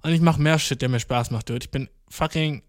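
A young man doing a rambling comedic monologue, full of swearing and English slang, jumping from mumbled asides to excited outbursts. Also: medium pitch, fast talker, no room sound, clean studio sound. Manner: slangy, profane, mixing English words into German; jumps from deadpan mutters to excited outbursts.

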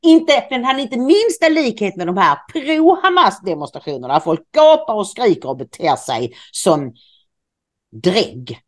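A woman's voice: medium pitch, sing-song. A woman co-hosting a casual news commentary podcast, musing speculatively and often restarting her sentences. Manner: speculative, stumbles and restarts mid-thought. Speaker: podcast co-host.

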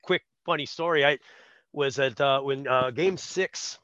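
Bright-voiced man telling a sports story. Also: mid-range voice, unhurried, dry recording, lo-fi sound. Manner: animated, laughs often, acts out quotes. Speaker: podcast co-host. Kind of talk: casual chat, storytelling.

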